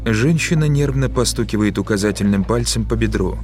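A man's voice: on the low side, brisk. A man reading scripted audio description narration for a film. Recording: loud music and film sound behind.

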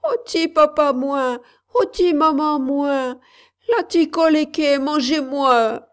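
A woman voicing a frightened, hungry little girl in a folk tale, crying out high and pleading. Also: unhurried. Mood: terrified.

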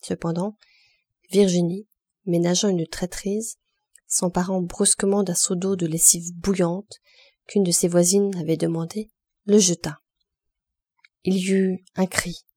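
Woman reading an old novel aloud, expressive, warm mellow tone, dry close sound. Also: lowish voice, a little slow, pauses often, husky, dry recording. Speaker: audiobook reader. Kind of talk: scripted narration of a classic novel.

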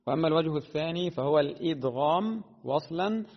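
A man teaching the rules of Quran recitation, explaining at a deliberate pace and slowing to chant the verses melodically. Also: on the high side, lively intonation. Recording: dull lo-fi sound with long reverb.

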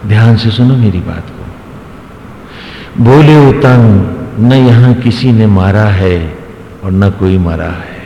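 A man voicing a calm, gentle male god in a sermon story, speaking slowly and solemnly in a gently instructive way, in an echoey hall. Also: on the low side, vocal fry, lo-fi sound. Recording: echoey hall, faint background noise.

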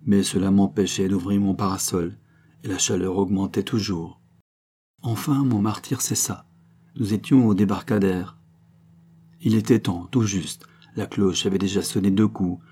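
A male audiobook narrator reading a novel aloud, measured and expressive. His voice sits low with a mellow, dark color and a husky edge.

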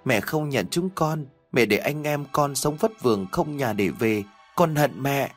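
A man voicing a small ghost boy of about four who pleads slowly and reproachfully with the woman he calls his mother. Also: medium pitch, lively intonation, soft background music, voice pushed up. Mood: pleading.

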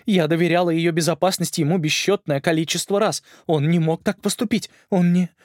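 A male reader voicing a proud, fierce female spider queen with a sharp, commanding manner. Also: on the high side, normal speed, no room sound, clean studio sound, pitched above the performer's own voice, natural voice.

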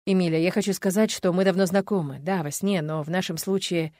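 A woman voicing a confident man, a dragon lord, speaking calmly and tenderly. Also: on the low side, brisk, dry recording, clean studio sound, close to an everyday voice.

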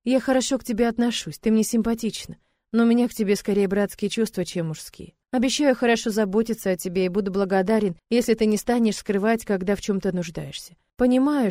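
Fields: Figure: woman reading a calm young husband. Tone: mellow. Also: mid-range voice, no room sound, lightly acted. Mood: gentle. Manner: measured, reassuring.

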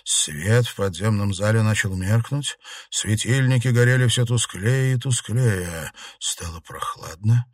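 A man narrating an audiobook in an even, measured storytelling manner. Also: fairly low pitch, no echo, studio quality, far from the mic. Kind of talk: scripted narration.

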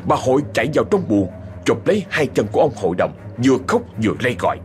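A man's voice: medium pitch, fast, soft background music. A man narrating a ghost story dramatically. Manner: dramatic, expressive.

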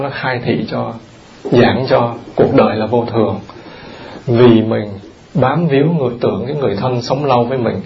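Male monk, sermon, gravelly voice, lively questions to the audience, muffled lo-fi tape. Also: medium pitch. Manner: animated, questions the audience often. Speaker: Buddhist monk teaching. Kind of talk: dharma talk sermon. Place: temple hall.

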